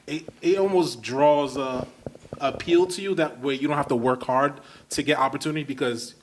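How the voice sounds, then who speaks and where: A man's voice: medium pitch, normal speed, a little hiss or hum. Man, from Brooklyn, podcast host, casual interview, enthusiastic, rambling questions. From Brooklyn, New York.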